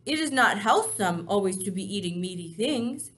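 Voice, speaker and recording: A woman voicing a gentle, kindly male giant who talks in jumbled, coaxing words. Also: medium pitch, lively intonation, moderate pace, natural voice. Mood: eager coaxing. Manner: eager, coaxing, muddled grammar.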